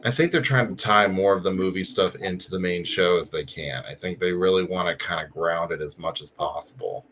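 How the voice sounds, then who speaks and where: Male podcast co-host, lower register, easygoing chatter, faint background hiss. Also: fairly quick, few pauses, a bit bright. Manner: chatty, lots of "like" fillers. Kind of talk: casual fan podcast chat.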